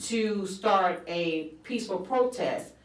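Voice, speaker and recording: A woman guest in an interview, telling her story in animated fashion and acting out quotes. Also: mid-range voice, slow, recorded from a distance. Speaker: guest author. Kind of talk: conversational interview. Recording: roomy, from off-mic.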